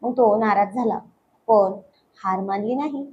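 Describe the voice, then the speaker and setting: A woman narrating a romantic family story in a steady, intimate way. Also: medium pitch, unhurried, muffled recording, slight background noise.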